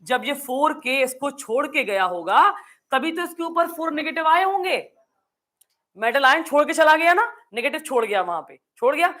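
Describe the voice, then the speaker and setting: A woman's voice: sits high, expressive, normal speed, fairly bright tone. A woman with a Hindi accent teaching chemistry, quizzing her students and answering her own questions. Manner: acts out confused students in playful asides. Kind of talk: classroom lecture.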